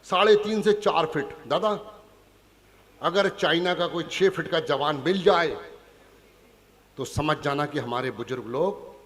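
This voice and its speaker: High-voiced Punjabi man joking onstage. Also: a little slow, long pauses, a bit bright. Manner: joking, teasing the audience directly. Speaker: comic poet. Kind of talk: stand-up comic poetry on stage. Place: large hall with a live audience. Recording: live stage hall recording with crowd.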